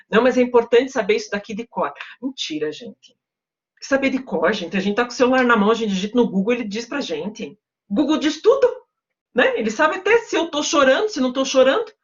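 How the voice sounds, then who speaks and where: Chatty woman lecturer, slightly high voice. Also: dull audio. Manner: chatty, emphatic, often addresses the class directly. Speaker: university lecturer. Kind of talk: online class lecture.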